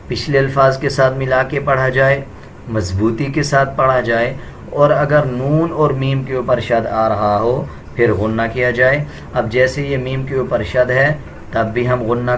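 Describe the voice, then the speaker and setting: Male teacher, mid-pitched voice, slow, patient walkthrough of pronunciation rules, faint room noise. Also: poor audio. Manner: patient, deliberate, repeats rules. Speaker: tajweed teacher. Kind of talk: slow step-by-step explanation.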